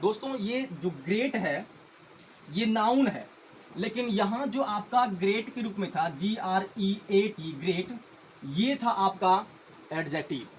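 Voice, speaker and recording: A man's voice: high voice, animated, a little slow, a little hiss or hum, low-quality recording. A man teaching English vocabulary in Hindi. He spells each word out letter by letter, repeats it, and often calls his viewers friends.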